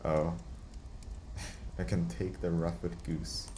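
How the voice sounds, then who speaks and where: Brief: low-voiced man narrating his gameplay, chatty, audible background hiss. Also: flat delivery, drawn-out words. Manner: chatty, laughing, self-talking. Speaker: let's play host. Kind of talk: casual gameplay commentary.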